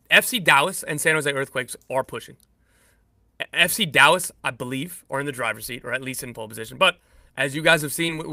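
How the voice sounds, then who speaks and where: A man's voice: a little high, no room sound, clean studio sound. A man co-hosting a sports podcast, chatting casually and jumping between restarts and self-corrections as he shares news. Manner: animated, self-correcting, jokey. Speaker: podcast co-host and insider.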